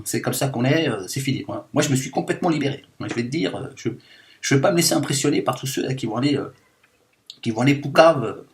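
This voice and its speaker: A man's voice: mid-range voice, lightly acted. A man voicing a self-declared liberated woman in a satirical monologue, ranting with endless fillers in mock indignation. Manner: rambling rant full of fillers, mock-indignant.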